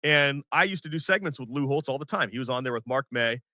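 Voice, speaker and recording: A man in his forties hosting a sports podcast, telling stories in an animated, self-mocking way and acting out what others said. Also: medium pitch, fast, no echo, clean studio sound. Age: 40s. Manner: animated, self-mocking storyteller who acts out quotes. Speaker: podcast host. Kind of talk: casual sports podcast storytelling.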